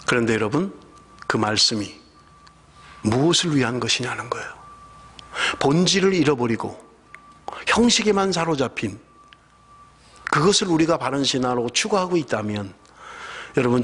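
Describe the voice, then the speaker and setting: Animated, husky-voiced middle-aged male pastor. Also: medium pitch, moderate pace, long pauses. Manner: animated storytelling, rising to emphatic exhortation. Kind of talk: sermon with personal anecdotes. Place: church sanctuary. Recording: long church hall reverb.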